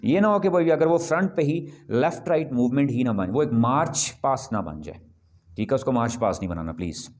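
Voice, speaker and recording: A man giving a classroom lecture as a presentation skills trainer, emphatic and lively, mixing English phrases into his talk and often checking whether students follow. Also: mid-range voice, fairly quick. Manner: mixes English phrases into Hindi-Urdu.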